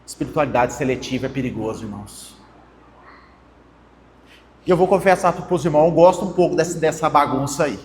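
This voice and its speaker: A man's voice: a little high, fairly quick, pauses often, a little hiss or hum. A young man with a Brazilian Portuguese accent preaching a conversational sermon and addressing the congregation as brothers. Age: young adult. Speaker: pastor. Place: church hall. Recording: long church hall reverb.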